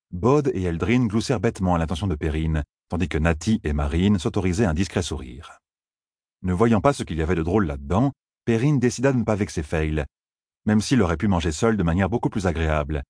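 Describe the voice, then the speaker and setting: A man reading an audiobook aloud in an expressive storytelling manner. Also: deep voice, husky, no echo, clean studio sound. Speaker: audiobook narrator. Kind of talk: scripted narration.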